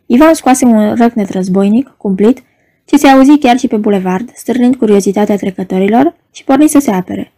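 Mellow-voiced woman reading an audiobook. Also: a little high. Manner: measured, storytelling. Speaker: narrator. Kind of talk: audiobook narration.

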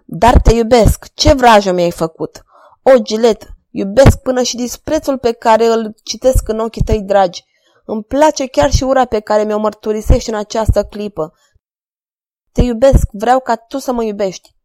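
A woman's voice: a little high, dry recording, studio quality, lightly acted. A woman reading aloud who voices an impassioned, domineering king in a storybook reading. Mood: pleading passionate. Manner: loud, impassioned, overwrought. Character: passionate, domineering middle-aged king.

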